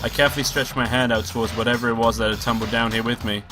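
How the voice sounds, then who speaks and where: Sick with a cold, a man hosts a let's play, reading a visual novel aloud in a nasal voice and dropping casual, swearing asides between lines. His mid-range voice is bright and forceful, racing along with fairly even intonation. Game music plays in the background.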